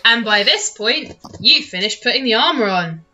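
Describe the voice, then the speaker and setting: A woman's voice: on the high side, animated, moderate pace, sharp tone, highs cut off, faint music behind. A woman acting as game master, narrating a tabletop role-playing game in a casual, playful, informal way.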